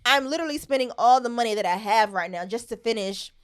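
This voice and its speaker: A woman's voice: a little high, fast. Chatty woman telling a story. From Virginia. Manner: animated, acts out quoted dialogue. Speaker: podcast guest. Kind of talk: casual storytelling.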